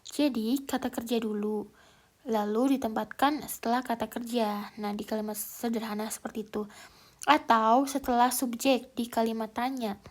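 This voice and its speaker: A woman's voice: fairly high pitch, fairly even intonation, moderate pace. A woman teaching a language lesson in a casual, explanatory way, hesitant and thinking aloud with many fillers. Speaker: German language tutor.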